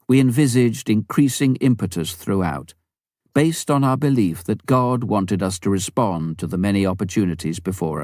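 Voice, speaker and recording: A low-voiced man reads a memoir aloud as an audiobook narrator, his intonation rising and falling in a lively way. The sound is close and dry, with almost no sense of the room and no room sound at all.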